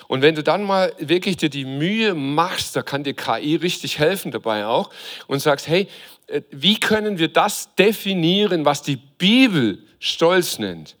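A pastor preaching a sermon, asking rhetorical questions, speaking directly and informally to his congregation and moving between quiet and emphatic delivery. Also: a little high.

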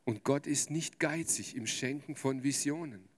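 A man's voice: mid-range voice, a little slow, slightly rough. A man preaching a sermon as pastor, speaking directly and emphatically to his listeners and acting out short quoted asides.

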